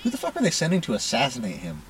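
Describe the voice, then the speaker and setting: A man in casual chat, curious and quick to laugh, telling stories and swearing. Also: mid-range voice, wildly swooping pitch, slight background noise, rough recording. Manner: curious, laughs often, tells anecdotes.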